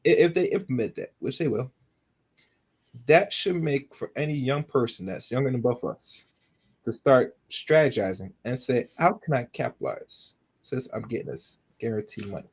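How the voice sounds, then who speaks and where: A man's voice: mid-range voice, expressive, moderate pace, slightly rough. A man in casual chat, rambling with lots of fillers while making his argument.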